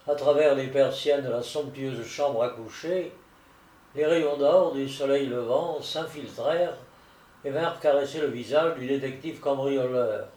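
A man narrating a storybook in a steady, theatrical reading. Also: medium pitch, unhurried. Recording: roomy echo, distant mic.

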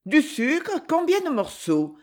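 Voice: sits high, wildly swooping pitch, voice pushed up, full character voice. A reader raising the voice for a proud young Swiss woman. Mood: lively. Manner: indignant, quick retorts. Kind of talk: audiobook character voice.

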